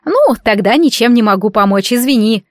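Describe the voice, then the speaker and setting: A woman's voice: on the high side, lively intonation, normal speed, no echo, natural voice. An imperious sorceress mother who snaps out her conditions in a raised, clipped voice, as a woman reading the story gives her lines. The sound is close and dry, with no room around it. She talks like a queen granting favors. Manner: curt and imperious. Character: proud, sharp-tongued mother, a woman sorceress.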